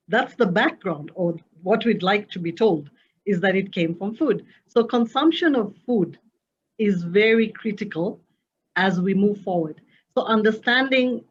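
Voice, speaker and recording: Soft-spoken woman with a heavy voice. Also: medium pitch, breathy edge. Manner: soft-spoken, explanatory, with hesitant fillers. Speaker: panelist, dairy manufacturer. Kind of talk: panel discussion remarks. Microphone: video call. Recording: dull lo-fi video call audio.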